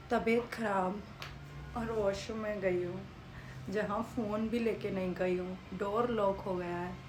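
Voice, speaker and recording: A young woman telling a story in a casual vlog, lively and animated, mixing English phrases into her talk. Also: medium pitch. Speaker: vlogger. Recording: echoey room with faint background noise.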